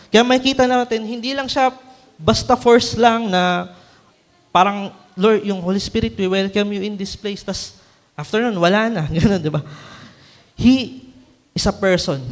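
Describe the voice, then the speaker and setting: A Filipino man with a high-pitched voice delivers a conversational sermon as a preacher, and the recording has a long reverb tail. He keeps checking in with listeners through short tag questions and light laughs.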